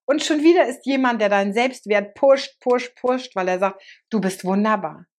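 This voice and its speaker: A woman giving a lively, colloquial motivational talk as a coach, often repeating words for emphasis. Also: on the high side, moderate pace. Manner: lively, acts out quoted voices.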